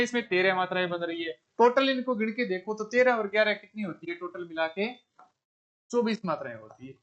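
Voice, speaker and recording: A man's voice: high-pitched, fairly bright tone, clear, resonant tone. A man teaching an exam-prep lesson on verse meter, asking questions to his students and answering them himself, counting beats aloud step by step. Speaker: Hindi teacher.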